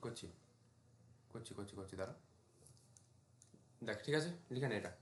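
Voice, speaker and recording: A man's voice: lowish voice, animated, moderate pace, reverberant, slight background noise. A man, teaching a math lesson in a casual classroom style and talking students through each step as he writes. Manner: talks students through steps while writing, asks them checking questions. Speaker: math tutor.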